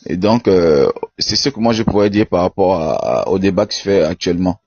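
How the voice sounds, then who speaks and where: A man from Benin argues his point in an online debate, stumbling over repeated words and fillers. His voice sits fairly low. The audio is dry and dull, lo-fi. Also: expressive, a little fast, darkish tone, dry recording. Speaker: debate participant.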